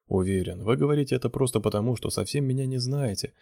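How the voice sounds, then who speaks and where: A man's voice: mid-range voice, fast, warm tone, dry recording, studio quality, lightly acted. Man playing a smug flirting gallerist. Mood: flirtatious. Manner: smooth, teasing flirtation.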